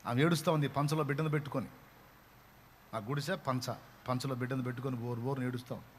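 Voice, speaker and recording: A man preaching a sermon, telling a story dramatically and rising to loud, fervent proclamations. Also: mid-range voice, fairly even intonation, quick pace, slight background noise.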